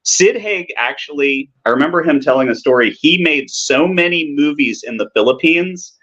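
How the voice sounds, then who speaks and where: A man co-hosting a movie podcast, chatting casually and enthusiastically in a rambling, halting way with repeated words. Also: mid-range voice, fairly bright tone, lo-fi sound. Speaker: film podcast co-host. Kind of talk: casual chat about cult movies.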